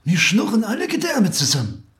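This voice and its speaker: A man's voice: high voice, wildly swooping pitch, brisk, fairly bright tone, pitched above the performer's own voice, full character voice. A man reading a fairy tale voices a hungry male fox who hatches a plan in a raised, eager voice. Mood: scheming.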